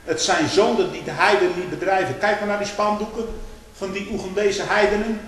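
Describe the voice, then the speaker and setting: A man's voice: high-pitched, fairly even intonation. Older man preaching in an echoey hall. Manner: swings from hushed storytelling to loud, slow denunciation. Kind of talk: fiery sermon. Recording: echoey hall with long reverb.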